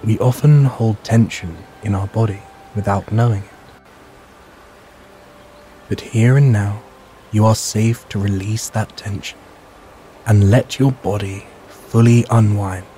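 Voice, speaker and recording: A man narrating a bedtime sleep story in a calm, measured, soothing and hushed guiding way. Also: on the low side, slight background noise.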